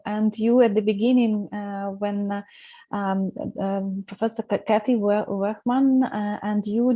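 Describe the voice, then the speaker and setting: A woman's voice: medium pitch, dark tone. A woman in her forties from Ukraine, speaking English on a video call as a panel speaker, earnest, with many hesitations. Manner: earnest, many "uh" fillers, careful non-native phrasing. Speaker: invited speaker, social work academic. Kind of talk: conference panel talk. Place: indoors before a branded backdrop.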